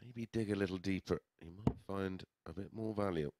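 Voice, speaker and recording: A man's voice: low-pitched, brisk, mellow. A man giving sports commentary on a darts match as a broadcast commentator.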